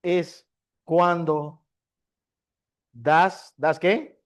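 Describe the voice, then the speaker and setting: Questioning preacher with a high voice. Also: male voice, fairly even intonation, very slow. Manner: asks the congregation frequent rhetorical questions. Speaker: pastor teaching a discipleship class. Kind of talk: sermon.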